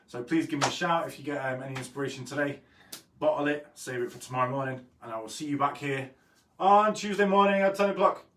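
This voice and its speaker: A man's voice: mid-range voice, fast, a bit bright. A man chatting casually as he hosts a live drawing lesson, easygoing in manner, pronouncing his r sounds like w. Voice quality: says w for r. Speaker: host of an online drawing lesson. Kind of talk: casual live-stream chat while drawing. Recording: roomy echo, distant mic, faint noise.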